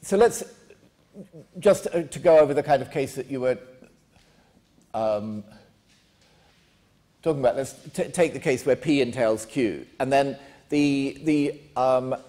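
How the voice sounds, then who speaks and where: A man's voice: medium pitch, measured pace, pauses often, mellow. An older man, a philosophy lecturer, answering a question in a lecture room with many hesitant restarts and fillers. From England. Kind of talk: academic Q&A answer.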